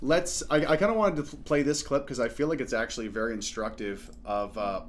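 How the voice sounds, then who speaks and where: A man's voice: mid-range voice, a little fast, a little hiss or hum. Rambling man hosting a chat. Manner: loose, rambling, many fillers. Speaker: podcast host. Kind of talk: casual political chat.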